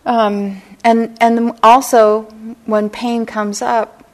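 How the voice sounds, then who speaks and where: A middle-aged woman teaching a meditation class, speaking gently and unhurriedly and often checking in with her listeners. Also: on the high side, little pitch movement. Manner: gentle, unhurried, lots of "right?" and "you know". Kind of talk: dharma talk to a class. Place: meditation hall.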